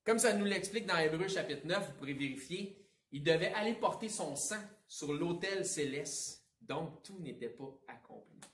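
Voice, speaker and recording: A man with a Quebec French accent preaching a Sunday sermon, swinging between emphatic outbursts and hushed asides. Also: a little high, expressive, moderate pace, echoey room, recorded from a distance. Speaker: pastor. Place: church sanctuary.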